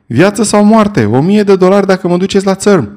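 A man doing a desperate man yelling. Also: sits high, animated, pitched above the performer's own voice. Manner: yelling at full strength. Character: desperate 35-year-old man shouting to a passing boat.

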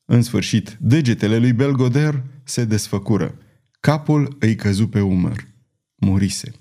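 A man narrating a novel in a dramatic, measured reading. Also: lowish voice, mellow. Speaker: audiobook narrator. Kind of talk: scripted narration.

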